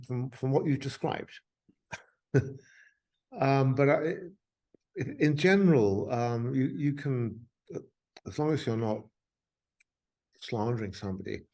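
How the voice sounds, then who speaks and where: A man's voice: mid-range voice, darkish tone. A man from England, a crime novelist, chatting and telling anecdotes in a video interview. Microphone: video call.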